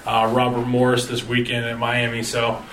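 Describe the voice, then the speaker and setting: A man's voice: medium pitch, monotone, a bit bright, slight background noise, low-quality recording. A man hosting a casual sports podcast, tired and rambling, with lots of fillers and restarts. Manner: rambling, halting sign-off with many fillers. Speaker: podcast host.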